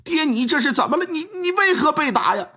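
A man's voice: very high-pitched, big pitch swings, fairly quick, pushed and bright, pitched above the performer's own voice, full character voice. A man voicing a timid young son who earnestly pleads his innocence. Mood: pleading.

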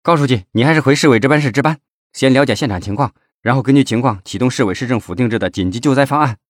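A man voicing a brisk, commanding party secretary. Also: medium pitch, no echo, studio quality, voice pushed up, close to an everyday voice. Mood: urgent. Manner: brisk, clipped orders. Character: urgent commanding male city party secretary.

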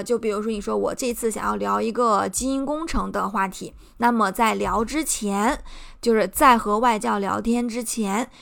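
Young woman host with a gravelly voice. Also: on the high side, fairly bright tone. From China. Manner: earnest, encouraging, explains step by step. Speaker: podcast host. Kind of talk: casual advice talk.

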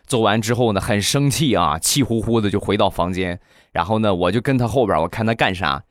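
Guy telling funny anecdotes, relaxed and chatty, dry close sound. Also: lowish voice, fairly quick, no echo. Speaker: podcast host. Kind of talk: comic storytelling.

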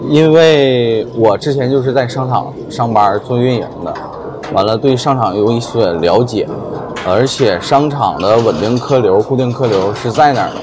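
A man's voice: medium pitch, moderate pace. A man from China giving casual interview answers as a small business owner, thinking aloud. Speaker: milk tea shop owner being interviewed. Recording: busy crowd chatter behind.

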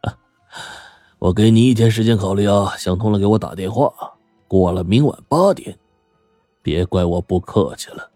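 A male storyteller voicing a sly, grinning middle-aged blackmailer who talks in a smug, mocking, drawn-out way. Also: fairly low pitch, dark tone, no echo, faint music behind, natural voice. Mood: mocking, cold.

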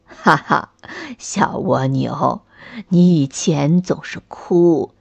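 A woman voicing a kind, wise old grandfather tree who speaks slowly and soothingly in a lowered voice. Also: creaky, full character voice. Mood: gentle. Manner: slow, low, soothing, laughing warmly.

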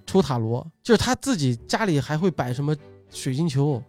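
A man with a slightly high voice hosts a casual conversation over faint background music. He is talkative and informal, often doubling up short phrases as he introduces people and topics. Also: big pitch swings, moderate pace, darkish tone. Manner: chatty, repeats short phrases. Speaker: host, video uploader and magician. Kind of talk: casual chat, introducing guests.

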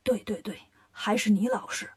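A timid, easily scared monk master, as a woman storyteller puts him on, soft-spoken and fussy. A gentle figure in a children's storybook tale. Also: medium pitch, moderate pace, breathy edge, voice pushed down, natural voice.

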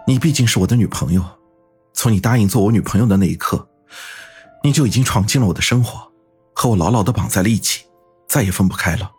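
Brief: male actor as a resolute young detective in an audio drama, breathy and raspy, low-set, steady and solemn. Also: fast, soft background music. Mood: tender resolve. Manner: steady, solemn, quietly devoted.

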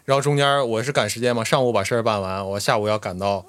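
A man's voice: lowish voice, fast talker. A man in casual chat telling a funny work story, acting out the people in it and laughing as he goes. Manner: animated storyteller, acts out quoted voices, laughs while telling. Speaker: stand-up comic guest.

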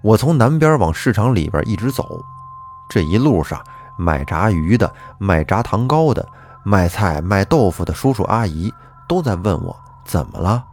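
A man hosting a storytelling podcast, narrating a listener's strange childhood tale in an expressive, dramatic way. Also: lowish voice, normal speed, soft background music.

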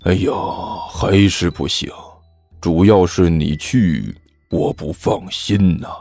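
A man's voice: deep voice, slow, creaky, a little mellow, no echo, faint music behind, pitched below the performer's own voice, full character voice. A man voicing a lazy, sly old male immortal who drawls evasively and plays innocent in an audiobook. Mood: drawling, coy.

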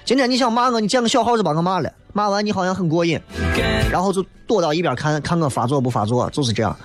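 A man's voice: sits high, lively intonation, fast. A man hosting a casual talk show, answering listener messages in a blunt, teasing, colloquial way. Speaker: host of an audio show. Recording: loud guitar music behind the voice. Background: guitar music.

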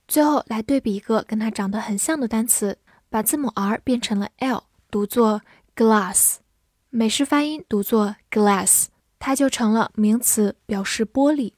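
A woman teaching English vocabulary in a scripted lesson, reading example sentences slowly and carefully. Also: fairly high pitch, darkish tone, husky, dry recording, studio quality. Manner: slow, careful model readings.

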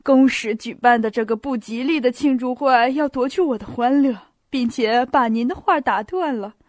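A woman voicing a courtly older prince who speaks gently and courteously. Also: high voice, moderate pace, no room sound, close to an everyday voice. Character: courtly elderly prince, smooth and polite.

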